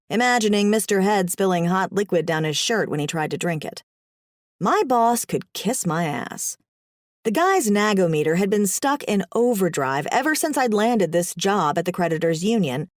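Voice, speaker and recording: Woman, audiobook narrator, sassy, wry, animated pitch, dry close sound. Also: dry recording. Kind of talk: scripted first-person narration.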